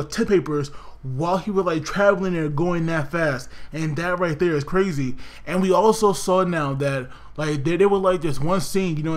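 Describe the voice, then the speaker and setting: A man casually reviewing an anime episode, rambling with many fillers and restarts. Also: a little high.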